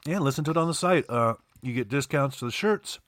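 A man's voice: mid-range voice, animated, a little fast, a bit bright, no echo, studio quality. A man co-hosting a casual radio show, rambling and hesitant, with lots of fillers and restarts. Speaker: radio co-host.

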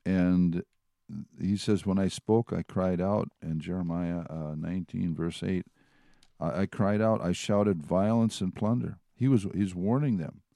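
A man's voice: deep voice, unhurried, vocal fry, warm tone, dry recording, studio quality. A man teaching from the Bible in a conversational way, retelling and reading passages aloud. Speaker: preacher.

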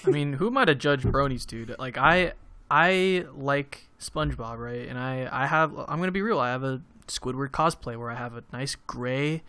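A man's voice: medium pitch, normal speed, pushed and bright, smooth, dry recording. A man co-hosting a casual podcast, jokey and self-mocking. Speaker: podcast co-host. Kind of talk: casual interview chat.

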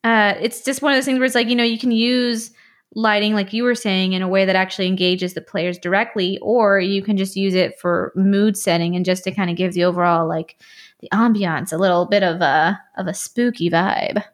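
A woman's voice: medium pitch, fairly even intonation, a little fast. Chatty woman co-hosting a podcast. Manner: chatty, lots of "like" and "you know". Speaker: podcast co-host. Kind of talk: casual podcast chat.

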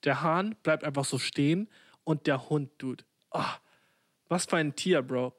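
A man's voice: on the high side, moderate pace, no echo, studio quality. A young man casually telling a comic story, rambling, with lots of slang, swearing and English words mixed in. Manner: rambling with many fillers and restarts.

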